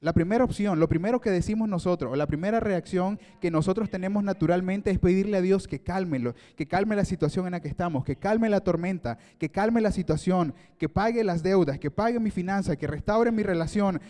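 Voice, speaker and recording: A man's voice: high voice, brisk, few pauses, dark tone. A man preaching a sermon, emphatic and repetitive, full of rhetorical questions. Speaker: preacher giving a leadership talk. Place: church hall. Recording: reverberant church hall.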